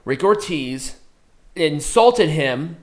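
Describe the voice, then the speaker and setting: A man's voice: fairly high pitch, animated, extremely slow. A man chatting casually as a co-host, explaining things in a rambling way with crude slang and free swearing. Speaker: podcast co-host explaining a clip. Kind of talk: casual chat and reaction commentary.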